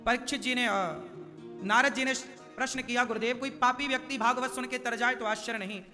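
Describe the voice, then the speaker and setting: High-voiced man preaching in a reverberant hall. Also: steady tone, fairly quick, pushed and bright, faint music behind. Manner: sing-song recitation of Sanskrit verses mixed with conversational asides to the audience. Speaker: preacher telling a scripture story. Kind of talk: devotional sermon storytelling.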